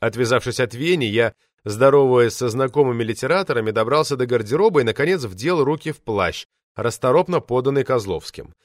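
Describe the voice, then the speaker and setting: Expressive, ironic male audiobook narrator. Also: mid-range voice, brisk, few pauses, no echo, clean studio sound. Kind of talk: first-person novel narration.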